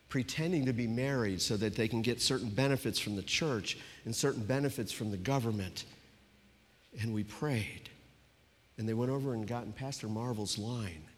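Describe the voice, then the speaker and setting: A man preaching a sermon as a pastor, telling a personal story and dropping to a hushed voice for its tender moments. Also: medium pitch, in a large hall.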